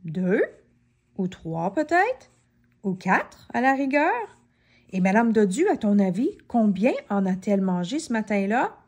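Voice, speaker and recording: Lively woman reading a children's story. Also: medium pitch, measured pace. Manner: expressive, addresses the child listener directly. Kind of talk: children's story read-aloud.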